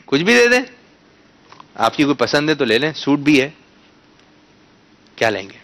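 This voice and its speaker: A man with a bright, ringing voice pitched a little high hosts a children's quiz. He coaxes the young contestants patiently, corrects their pronunciation, and calls out winners loudly. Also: very animated. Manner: bursts into loud announcements.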